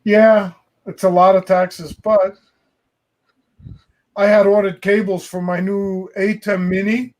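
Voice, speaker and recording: A man in his sixties hosting a casual stream chat, chatty and quick to laugh, grumbling about clients who pay late. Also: sits high, level tone, darkish tone. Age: 60s.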